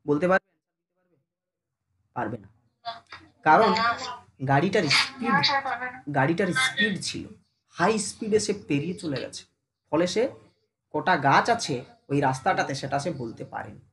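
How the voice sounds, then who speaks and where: A teacher giving a casual online class who speaks familiarly to the students, keeps asking if they follow, and slows down to sound out syllables one by one. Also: mid-range voice, animated, a bit bright. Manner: addresses students familiarly, asks them constant check questions.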